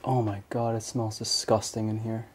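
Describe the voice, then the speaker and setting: A man exploring an abandoned speedway building, giving quiet, offhand commentary. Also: on the low side, normal speed, a little hiss or hum. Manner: quiet, flat, offhand remarks. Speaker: urban explorer filming a walkthrough.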